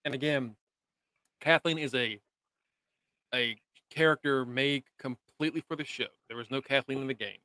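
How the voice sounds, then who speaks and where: A man's voice: medium pitch, normal speed, pauses often, bright, forceful tone. A young adult man, co-hosting a podcast, talkative and laughing, swearing freely in casual chat. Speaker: podcast co-host. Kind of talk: casual chat recapping a show.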